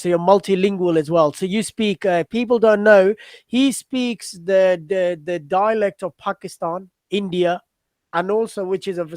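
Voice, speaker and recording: Male interviewer, high-pitched voice, informal conversational questioning, very dry recording. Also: no echo. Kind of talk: casual chat, asking questions.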